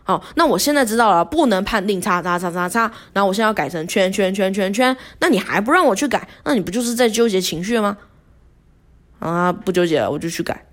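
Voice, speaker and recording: A woman telling a work story in a casual solo podcast, animated and rambling, with rhetorical questions. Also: quick pace. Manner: animated storytelling, acting out quotes in a higher voice. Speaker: podcast host.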